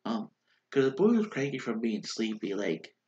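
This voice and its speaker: Recording on his desk webcam in a small poster-lined bedroom, a congested-sounding vlogger in his thirties rambles through a reality show recap. His lowish, slightly mellow voice swings widely in pitch at a moderate pace, and the sound is lo-fi. He chats casually, with many fillers and restarts.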